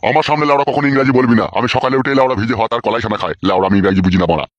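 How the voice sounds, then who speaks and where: A man playing a gruff, swearing village uncle. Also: mid-range voice, fairly even intonation, very fast, dry recording, highs cut off, lightly acted. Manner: coarse, swearing, scolding. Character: gruff older village uncle who buys gold. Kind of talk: comic skit acting.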